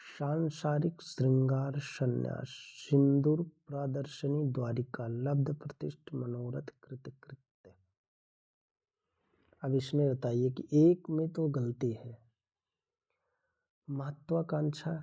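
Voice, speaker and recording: A man's voice: mid-range voice, gravelly, mellow, breathy edge. A man teaching a Hindi grammar lesson for an exam, going through the answers one by one in an explanatory way.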